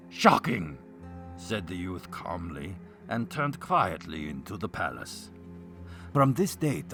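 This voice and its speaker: A man narrating a gothic story as a dramatic reading, in a theatrical, hammy stage-actor manner. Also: deep voice.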